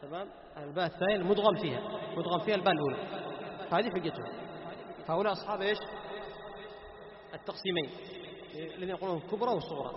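A man's voice: high voice, very fast, pauses often, crowd noise. A man teaching a class on Quran recitation, asking his students questions, answering them himself and repeating key phrases. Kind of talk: classroom lecture. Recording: echoey hall with dull lo-fi sound and background noise.

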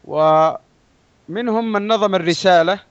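A man teaching a religious text in a lesson, speaking in measured, deliberate phrases with long pauses. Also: high-pitched, smooth, no room sound, highs cut off. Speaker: Islamic scholar teaching a text.

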